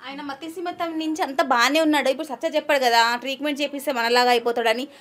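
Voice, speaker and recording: A woman's voice: high voice, steady tone, fast talker, a bit bright. A woman speaking as an interview guest, arguing with rhetorical questions. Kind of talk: heated interview talk.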